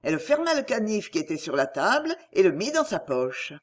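A woman reading a classic novel aloud as an audiobook narrator, with an expressive, dramatic delivery. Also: mid-range voice, a little fast. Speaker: audiobook reader.

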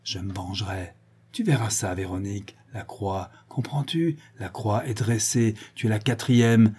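Man reading as a vengeful older woman in an audiobook: hoarse, clipped, quiet menace, husky low timbre. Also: fairly even intonation, a little slow. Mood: hissing hatred.

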